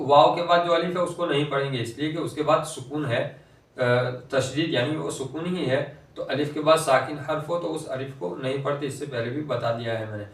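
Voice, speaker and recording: Male tutor, slightly high voice, slow drawn-out recitation between explanations, roomy distant sound. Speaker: Quran reading teacher. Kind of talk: recitation lesson explaining pronunciation rules. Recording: echoey room, voice from a distance.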